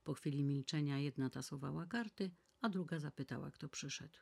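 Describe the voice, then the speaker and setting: Gravelly woman reading a novel aloud. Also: sits low, fairly quick, a little mellow. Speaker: audiobook reader. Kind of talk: scripted narration.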